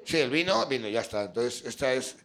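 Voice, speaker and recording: A middle-aged man from Spain with a gravelly, raspy voice hosts a live comedy show, joking and rambling with guests and the crowd. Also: mid-range voice, lively intonation, a little fast, fairly bright tone. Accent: Spanish (Spain). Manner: jokey, rambling, self-mocking. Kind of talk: stand-up crowd work chat.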